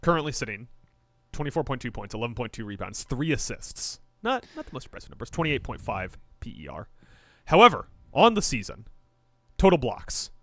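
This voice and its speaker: A man from Japan co-hosts a sports podcast, joking in casual, animated chat and often trailing off to restart his sentences. His voice is medium in pitch and brisk, and the recording is dry.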